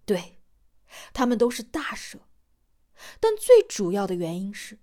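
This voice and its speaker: A woman's voice: mid-range voice, huge pitch swings, dark tone. A woman voicing a keen male snake professor. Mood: excited explaining. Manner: brisk, explaining like a teacher. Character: excited middle-aged male snake professor.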